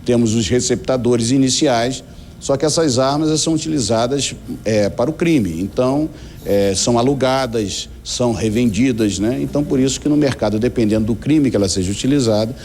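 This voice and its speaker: A man's voice: mid-range voice, fairly quick, a little mellow, slight background noise. A man with a Brazilian accent, a police commander, answering interview questions in a hesitant way with many fillers. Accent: Brazilian Portuguese.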